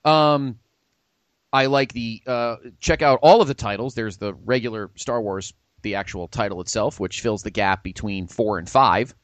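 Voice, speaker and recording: A man's voice: fairly low pitch, normal speed, no echo. A man hosting a casual pop culture podcast, talking with enthusiasm and plugging comics and TV shows. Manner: animated, enthusiastic, plugs shows. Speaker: podcast host.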